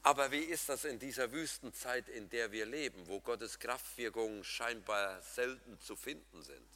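Male preacher with a bright, forceful voice, lively and humorous with his congregation, swinging loud to soft, recorded in a hall with a long reverb. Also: mid-range voice, normal speed. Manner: swings between loud emphatic and soft quiet passages. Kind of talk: sermon.

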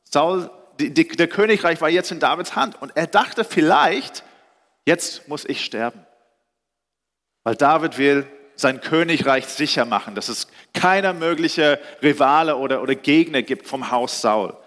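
Animated German preacher in an echoing hall. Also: male voice, normal speed, few pauses. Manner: storytelling, animated, with shifting pitch and pace. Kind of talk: sermon retelling scripture. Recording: reverberant hall.

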